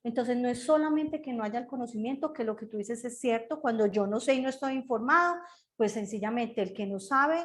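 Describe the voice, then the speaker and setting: A woman with a rather high voice speaks fairly quickly as a grief counselor being interviewed. She explains her thinking earnestly, laying out one idea after another in a series.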